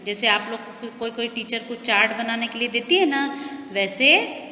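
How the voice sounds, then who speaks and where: A woman teacher with a bright, forceful voice explains a lesson to small children. She keeps rephrasing each hard word in plainer terms and checks that they follow. The sound is roomy, with a long reverb tail. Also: fairly high pitch, animated, normal speed. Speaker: primary school teacher.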